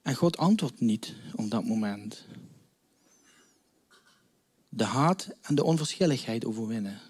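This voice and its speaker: A man preaching a sermon to a congregation, dramatic, swinging between loud outbursts and hushed near-whispers. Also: medium pitch, animated, measured pace, breathy edge. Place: church before a congregation.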